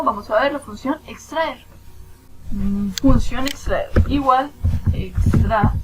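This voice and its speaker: Woman teacher walking thru spreadsheet stuff, kinda high voice, asks herself questions, counts out loud, music going in the back. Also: low-quality recording. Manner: thinks aloud, asks and answers her own questions; counts character positions aloud step by step. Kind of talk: screen-recorded spreadsheet lesson.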